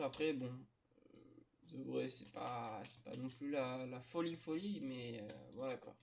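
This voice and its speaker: A man hosting a gaming video, chatting casually and hesitantly with lots of filler sounds, with occasional excitable outbursts. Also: medium pitch, slight background noise. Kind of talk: casual gameplay commentary.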